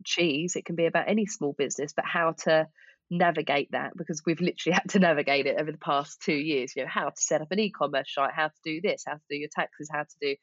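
A woman's voice: low-pitched, fast talker, no echo, muffled recording. A woman with an Essex accent speaking as an interview guest in a chatty, informal, self-deprecating way. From Essex, England. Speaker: podcast guest, small business owner. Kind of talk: casual interview chat.

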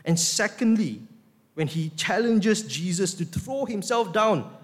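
A male pastor preaching a sermon, emphatic, slowing down to stress key words. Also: high voice, animated. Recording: long hall reverb.

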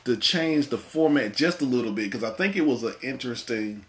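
A man's voice: mid-range voice, lively intonation, a little fast. A man hosting a casual movie podcast, rambling and repeating his words as he talks. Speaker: podcast host. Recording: echoey room.

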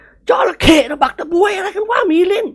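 A woman voicing a hot-tempered old nobleman who shouts in anger in a storybook reading. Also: very high-pitched, brisk, voice pushed up. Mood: furious. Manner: shouting, furious.

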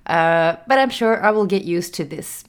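A woman's voice: on the low side, expressive, normal speed, smooth. A young woman hosting her own podcast and talking casually, her voice nasal from a cold, chatty with fillers and small laughs. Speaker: podcast host. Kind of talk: casual solo podcast talk.

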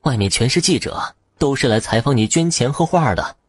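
A man voicing a sharp-tongued middle-aged wife in an audio story, speaking in a shrill, indignant way. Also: lively intonation, a little fast, husky, no echo. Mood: hurried.

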